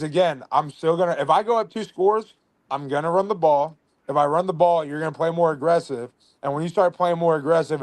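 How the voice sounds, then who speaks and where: A man calling into an online sports show, talking trash in a boastful, brash way with plenty of swearing. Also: fairly high pitch. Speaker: guest player calling in. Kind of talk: trash-talking casual chat.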